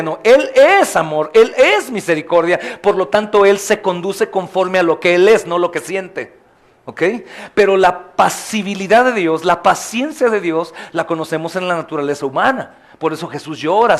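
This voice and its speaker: A male pastor preaching a sermon with passion, often calling out to the congregation with questions and swinging from soft lines to loud cries. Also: sits high. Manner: addresses the congregation as brothers, asks questions.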